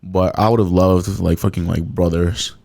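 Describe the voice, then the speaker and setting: A man hosting a casual podcast chat, his voice on the low side. He is laid-back and teasing, dropping casual swear words. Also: steady tone, moderate pace, gravelly, a little mellow.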